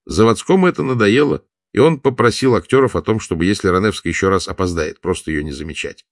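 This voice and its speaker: A man narrating a string of anecdotes in a measured, wry storytelling manner. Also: low-pitched, animated, no room sound, studio quality.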